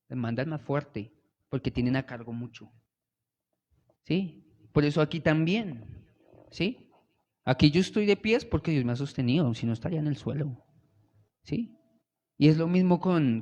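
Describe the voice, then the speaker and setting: A young Colombian man delivers a sermon with a Colombian Spanish accent, his voice sitting a little higher than most men's. He keeps it conversational and keeps checking in with the congregation. The church hall rings with a long reverb behind him. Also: a little mellow. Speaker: church worship leader preaching. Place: church sanctuary.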